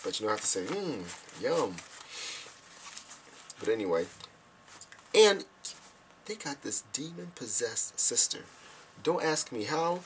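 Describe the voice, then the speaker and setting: A young man telling casual stories about volunteer ministry work, acting out his own past lines in a higher voice. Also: sing-song, moderate pace, pauses often, a little hiss or hum. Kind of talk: casual storytelling.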